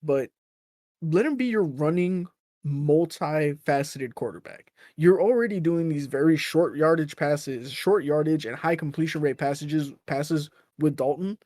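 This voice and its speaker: A man with a fairly high voice co-hosts a casual sports podcast. He rambles through loose explanations and keeps correcting himself. The sound is close and dry, with no room around it. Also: unhurried, darkish tone, no room sound. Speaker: podcast co-host.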